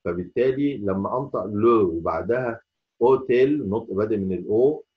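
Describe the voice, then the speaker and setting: A man with an Egyptian Arabic accent teaching a French lesson, saying each letter slowly and repeating it. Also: lowish voice, slightly rough, narrow, tinny audio. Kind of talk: spoken language lesson.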